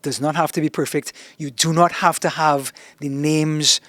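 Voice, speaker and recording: A man's voice: fairly high pitch, steady tone, dry recording. A man with a strong accent, a guest on a podcast, patiently explaining voice routines and demonstrating humming. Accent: strong accent, self-described as thick. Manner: instructive, deliberate, demonstrates vocal warm-ups by humming. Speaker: guest broadcaster giving advice. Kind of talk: podcast interview.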